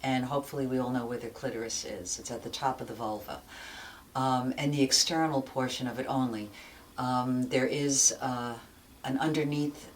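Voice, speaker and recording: A woman's voice: extremely low pitch, a little hiss or hum. A woman hosting a talk show, explaining things candidly and checking in with "okay?" as she goes. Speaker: show host. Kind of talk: frank casual talk.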